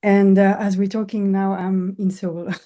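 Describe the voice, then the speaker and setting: A woman's voice: mid-range voice, little pitch movement, takes it slowly, warm tone. A woman from Switzerland, an English speaker, answering interview questions as an architect and professor, hesitant with many fillers. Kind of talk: interview conversation.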